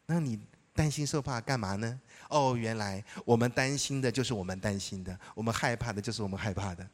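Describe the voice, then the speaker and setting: A middle-aged male pastor preaching a sermon, telling personal stories in a lively way, acting out dialogue and often laughing. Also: on the low side, brisk.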